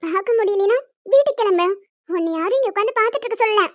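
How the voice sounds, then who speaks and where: Woman voicing a snappy young cartoon wife, curt and short-tempered, very high pitch, muffled sound. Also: expressive, rapid-fire, no echo. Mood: irritated. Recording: dull lo-fi recording.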